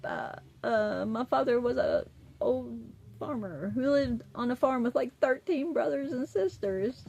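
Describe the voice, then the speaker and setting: A middle-aged woman with a West Virginia Appalachian accent talks at a slow pace in a soft-edged, dark tone. She is blunt and defiant, rambling casually to viewers and swearing freely. Background noise and small clicks sit behind her voice. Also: a little high, creaky. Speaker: vlogger.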